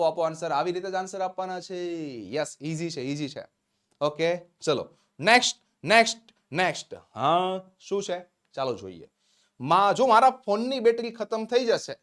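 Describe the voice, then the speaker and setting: A man with a Gujarati accent teaching spoken English in a live-streamed lesson, upbeat and encouraging, slowly drawing out English phrases as he dictates them. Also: high voice. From Gujarat, India.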